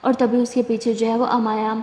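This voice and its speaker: A woman's voice: on the high side, little pitch movement, dark tone. A woman retelling a serial love story in a casual, chatty way, full of fillers, in a roomy space. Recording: roomy with long reverb.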